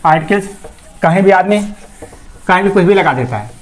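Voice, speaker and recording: A man teaching English grammar, asking questions to the class, answering them himself, and reading example sentences slowly word by word. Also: sits high, animated. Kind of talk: explanatory classroom lesson.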